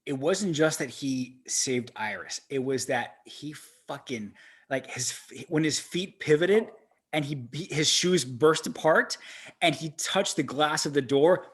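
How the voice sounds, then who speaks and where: A man co-hosting a casual movie-reaction podcast, excitable and swearing freely as he gushes over scenes. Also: on the high side, a little slow, husky. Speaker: podcast co-host.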